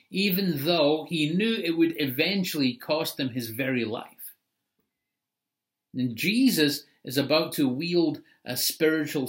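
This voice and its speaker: A man's voice: a little high, a bit bright. A middle-aged man preaching a sermon in a conversational, explanatory way, with asides. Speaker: pastor.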